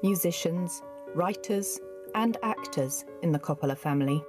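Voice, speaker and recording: A woman narrating scripted textbook listening material in a clear, measured reading. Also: on the low side, over loud music. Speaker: narrator and interviewer of course audio.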